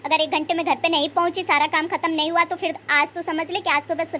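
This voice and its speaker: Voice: very high-pitched, level tone, fast talker, sharp tone, slight background noise. A performer voicing a cruel young daughter-in-law in a cartoon, sneering and threatening. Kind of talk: cartoon voice acting.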